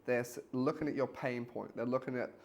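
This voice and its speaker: A man's voice: mid-range voice, fairly quick, vocal fry. Chatty man co-hosting a fitness podcast. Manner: talkative, relaxed, swears casually. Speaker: podcast co-host, fitness trainer. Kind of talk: casual podcast chat.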